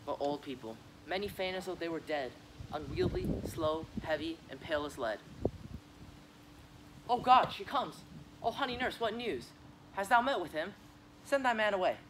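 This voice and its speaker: A man's voice: fairly high pitch, sing-song, normal speed, background noise. A teenage boy playing an eager, impatient young girl in love in a school Shakespeare reading, pleading and restless. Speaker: student actor.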